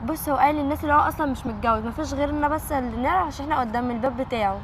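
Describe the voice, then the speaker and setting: A woman with an Egyptian Arabic accent playing a gentle neighbor girl who confides hesitantly. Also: high voice, rapid-fire, background noise, close to an everyday voice. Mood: confiding. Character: gentle, soft-hearted young neighbor girl.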